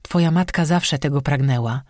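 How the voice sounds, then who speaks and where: A fierce star-woman and master smith, commanding and grave, voiced by an audiobook narrator. She speaks firmly, with a note of warning, at a middling pitch. The storybook recording is close and dry. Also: normal speed, no room sound, lightly acted. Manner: firm, warning tone. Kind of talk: audiobook reading.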